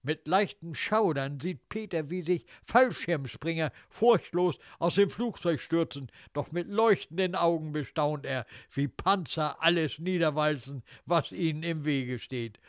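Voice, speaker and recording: A man narrating a literary story in a wry, expressive way, slipping into the thoughts of the characters. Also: a little high, unhurried, few pauses, no room sound, studio quality.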